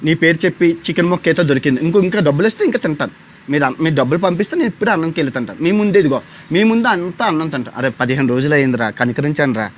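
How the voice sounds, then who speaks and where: A man's voice: on the high side, expressive, racing, a little hiss or hum. A young man with a Telugu accent, ranting sarcastically and pleadingly on a livestream from a phone mic. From India. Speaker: travel vlogger on a livestream. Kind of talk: mocking livestream rant.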